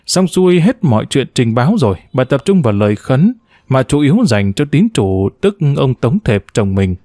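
A man's voice: mid-range voice, normal speed, no room sound, studio quality. Man reading a novel aloud. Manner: steady, even storytelling. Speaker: narrator.

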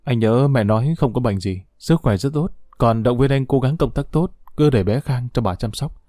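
A man voicing a calm young husband. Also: mid-range voice, no room sound, studio quality, lightly acted. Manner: calm, measured.

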